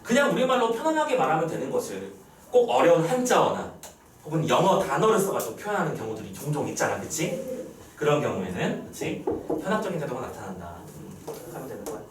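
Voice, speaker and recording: Animated male teacher in an echoey classroom. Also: a little high, fast. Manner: lively, checks in often with "right?". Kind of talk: classroom lecture. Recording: echoey room, far from the mic, faint background noise.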